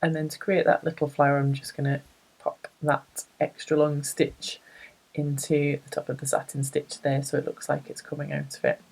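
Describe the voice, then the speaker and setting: Low-voiced Northern English woman teaching embroidery. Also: little pitch movement, normal speed, gravelly, darkish tone, breathy edge, low-quality recording. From northern England. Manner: chatty, self-deprecating, thinks aloud. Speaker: embroidery tutor. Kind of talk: casual craft tutorial.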